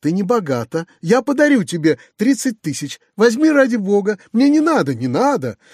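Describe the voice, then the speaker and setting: A man voicing a giddy, high-strung spinster lady who gushes in breathless exclamations. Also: big pitch swings, normal speed, a little mellow, slightly rough, no room sound, clean studio sound, exaggerated voice. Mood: ecstatic gushing.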